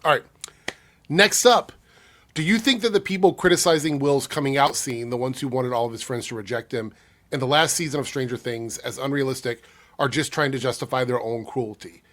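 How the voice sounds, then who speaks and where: A man speaking casually as an online commentator answering viewer comments, breathy from a cold, often pausing and restarting as he thinks aloud. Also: medium pitch, a bit bright. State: under the weather with a cold. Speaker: YouTube commentator.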